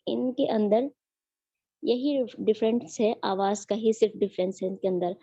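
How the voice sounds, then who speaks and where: A woman teaching Quran recitation in an online lesson, drilling each sound slowly and patiently. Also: medium pitch, mellow, no echo.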